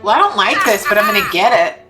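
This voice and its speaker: Game music runs in the background while this female streamer in her thirties chats casually through her gameplay, gushing over things and joking with viewers. She speaks at a medium pitch, fast and very animated.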